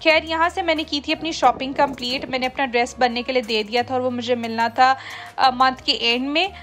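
High-voiced chatty woman. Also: fairly even intonation, brisk, a bit bright, faint music behind. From Pakistan. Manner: chatty, friendly, addresses viewers directly. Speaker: shopping vlogger. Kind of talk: casual voice-over narration.

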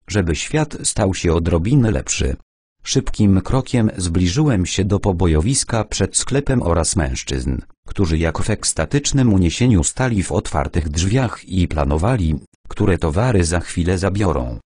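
A man narrating a first-person audiobook in a measured, deliberate storytelling manner, recorded on a close studio mic. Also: low-pitched, mellow, husky, no echo.

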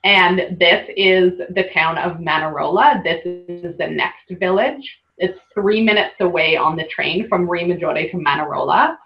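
A bubbly workshop host talks through her slides in a casual webinar, her slightly low voice loose and chatty, peppered with "like" and quick laughs. The web call audio sounds dull and lo-fi, with soft music in the background.

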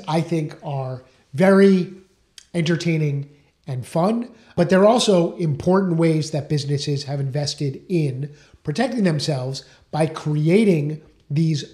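A middle-aged man with a slightly higher than usual voice gives a scripted lesson on trademark law. He speaks in a measured, explanatory way and carefully reads out long registration numbers. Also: a little mellow. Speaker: trademark attorney presenting a lesson. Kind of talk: scripted educational talk.

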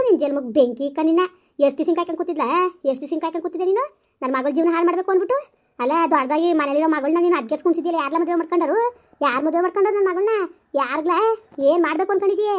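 A woman's voice: very high voice, lo-fi sound. A woman playing a furious village mother-in-law who curses and repeats insults. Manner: loud, cursing, repeating insults. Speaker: village skit actor. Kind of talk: village comedy skit acting.

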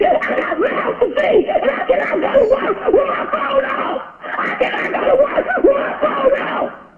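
A woman's voice: on the high side, close to an everyday voice. A woman playing an indignant, desperate, stubborn female customer, arguing emphatically and repetitively in a comedy skit. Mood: desperate, shouting. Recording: thin, phone-like narrowband sound.

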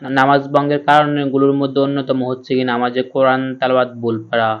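A man teaching Quran reading, patiently spelling out each letter and sound in a slow step-by-step lesson. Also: medium pitch, completely flat delivery, clean tone, dull audio.

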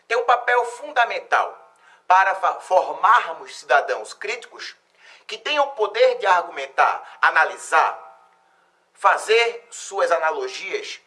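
A man's voice: high voice, recorded from a distance. Effusive man teaching live. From Salvador, Bahia, Brazil. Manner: chatty, effusive, lively exclamations. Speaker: geography teacher hosting an exam-prep live stream. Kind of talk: live-stream lesson, greeting chat viewers. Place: plain bright indoor studio.

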